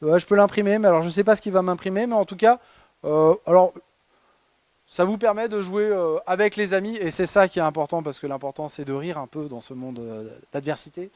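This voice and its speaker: A man's voice: sits high, brisk, darkish tone, dry recording. A man presenting a humorous award talk at a conference, ironic and chatty with many fillers and restarts. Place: conference hall.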